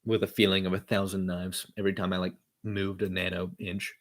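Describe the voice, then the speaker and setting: Joking low-voiced man on headset. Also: level tone, fairly quick. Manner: jokey, self-mocking, laughs often. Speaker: home recording creator. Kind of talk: casual self-recorded chat between rap takes.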